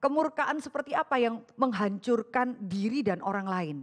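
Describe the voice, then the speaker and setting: A woman gives an interactive sermon to a women's fellowship, her voice a little high. She keeps asking her listeners questions and acts out the lines she quotes. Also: expressive, normal speed. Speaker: vicar preaching to a women's fellowship.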